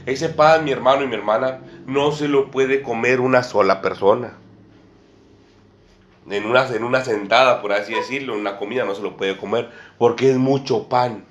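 A man's voice: mid-range voice, steady tone, moderate pace. A man preaching a sermon to a small congregation, often repeating phrases and calling his listeners brother and sister. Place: church room with a table and a small congregation. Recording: echoey room.

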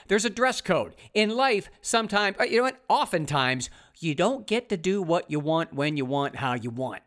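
Sarcastic talk host with lively pitch. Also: male voice. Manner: sarcastic, mocking, animated. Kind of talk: opinionated commentary monologue.

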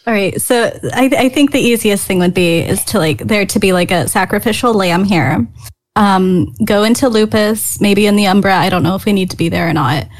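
Woman, medium pitch, tabletop player, casual in-character chat, very dry sound. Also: normal speed, no echo, low-quality recording.

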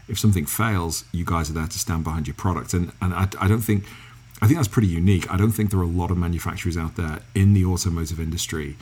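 An English man with a halting, filler-heavy way of talking, interviewing a guest in casual conversation. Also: low-pitched, a little mellow, slightly rough. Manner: halting, lots of restarts and fillers.

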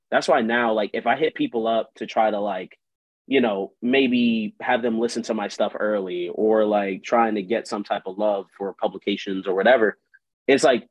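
A musician and writer chats as an interview guest in a relaxed, slang-heavy manner, saying "like" constantly. His voice sits on the low side. The sound is dull, lo-fi, close and dry, with no echo.

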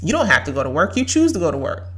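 Woman in her thirties, podcast host, fairly low voice, preachy and emphatic with repeated lines. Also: big pitch swings, rapid-fire, fairly bright tone. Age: 30s. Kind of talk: faith-based motivational talk.

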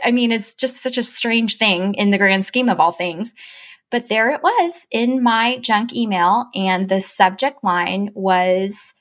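Animated woman telling a story. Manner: animated, gets high and excited when quoting herself. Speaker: guest; chief operating officer. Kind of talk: casual storytelling interview.

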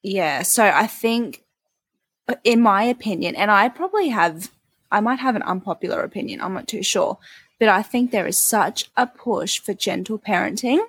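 A young woman with a slightly husky voice, chatting casually as a podcast co-host. She speaks frankly and with emphasis, now and then swearing in passing. The sound is close and dry, with no room around it. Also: medium pitch, lively intonation, moderate pace, a bit bright, no room sound. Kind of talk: casual chat.

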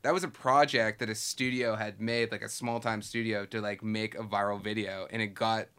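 Animated, laughing Canadian man. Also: on the low side, normal speed, smooth. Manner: animated storyteller, laughs often, swears casually. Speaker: podcast guest. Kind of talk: casual chat.

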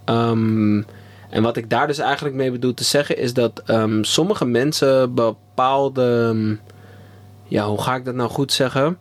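A man, co-hosting a podcast in casual chat, rambling with many pauses and slang. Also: mid-range voice, fairly even intonation. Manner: rambling, pauses with ehm, slang-heavy storytelling. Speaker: podcast co-host.

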